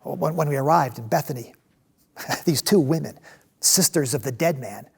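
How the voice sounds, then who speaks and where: An actor playing a passionate, restless disciple in a dramatic monologue, telling his story with halting, emphatic delivery and repeated words. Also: mid-range voice, creaky, slightly rough. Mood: somber. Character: passionate male zealot disciple, restless man of action, recalling Jesus.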